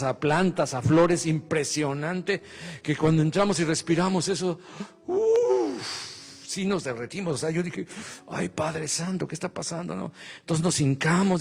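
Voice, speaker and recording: A man's voice: mid-range voice, a little mellow. A middle-aged man, preaching as a pastor and telling his own story with emphatic, acted-out prayers. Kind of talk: sermon testimony. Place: church hall. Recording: long echo of a church hall with music.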